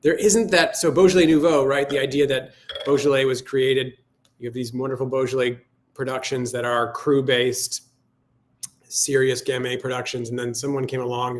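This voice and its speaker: Male tasting host, mid-pitched, casual sommelier notes delivered as reflective, halting thinking aloud.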